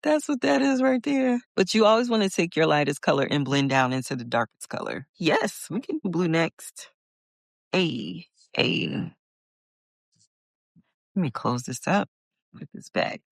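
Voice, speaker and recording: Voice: mid-range voice, expressive, unhurried, long pauses, dry recording, studio quality. A person near fifty teaching marker coloring on a live stream, chatty and playful, joking with the chat and stretching words out for emphasis. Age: late 40s.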